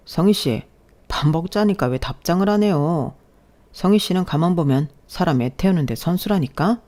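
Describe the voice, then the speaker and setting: A woman's voice: on the low side, expressive, moderate pace, warm tone, close to an everyday voice. A woman voicing an arrogant young male resident doctor who talks down in a mocking, bossy way. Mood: sneering.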